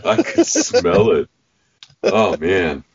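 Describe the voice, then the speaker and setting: Very deep, animated male podcast host. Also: very slow, gravelly, husky, highs cut off. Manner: animated, chatty, laughs easily. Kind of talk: casual interview chat.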